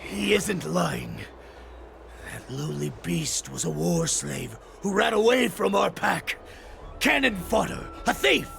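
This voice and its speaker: A high-pitched, very animated male voice, heavily gravelly and snarling, voices a savage wolfish raider in a dramatic video game, a bloodthirsty fanatic serving his lord. The heavily acted delivery sounds bitter and outraged, slow and theatrical before erupting into shouts, with faint music behind.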